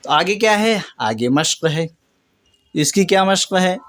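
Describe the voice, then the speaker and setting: A patient man teaching a reading lesson, who draws out each word slowly and repeats it, then explains briskly and corrects common mistakes. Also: high-pitched, expressive, fairly bright tone, faint music behind. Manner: slow drawn-out recitation of words between brisk explanations.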